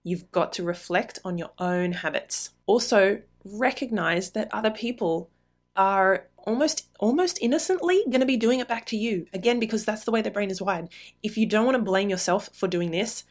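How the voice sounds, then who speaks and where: A woman's voice: mid-range voice, normal speed. A middle-aged woman hosting a solo podcast, talking in an earnest, encouraging, chatty way with light laughs. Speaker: podcast host.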